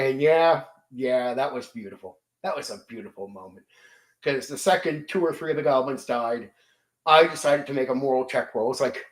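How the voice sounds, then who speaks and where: Animated man telling a game story. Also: fairly high pitch. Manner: animated, swears freely, acts out sound effects and quotes. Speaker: channel host. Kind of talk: casual storytelling about a game session.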